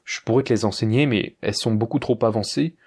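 A man's voice: on the low side, quick pace, darkish tone, husky. A man teaching a language lesson, explaining a rule patiently and speaking straight to the learner. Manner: patient, addresses the learner directly.

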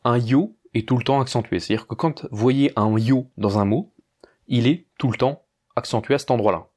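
A man's voice: mid-range voice, normal speed, darkish tone. A man teaching a language lesson, explaining a rule patiently and speaking straight to the learner. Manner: patient, addresses the learner directly.

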